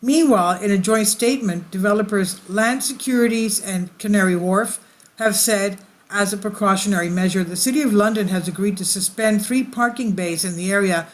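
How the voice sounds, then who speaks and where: A channel host with a mid-range voice reads a news article aloud, adding casual asides and sometimes stumbling over words before correcting them.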